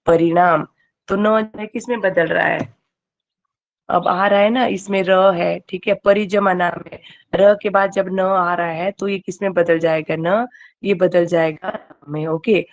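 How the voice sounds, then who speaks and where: A woman teacher giving an online grammar class. She keeps quizzing her students and checks in with "okay" as she goes. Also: lowish voice.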